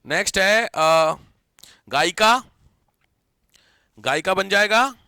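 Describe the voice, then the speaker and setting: A man's voice: sits high, slow pace, smooth, dry recording, clean studio sound. A man teaching a live grammar class, quizzing and teasing his students as he goes. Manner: lively, teasing, questions students often.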